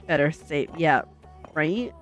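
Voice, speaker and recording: A young adult woman streams a game, chatting in an upbeat, giggly way and talking to herself while building, sounding slightly congested. Her voice sits low and is animated but slow. Soft background music plays.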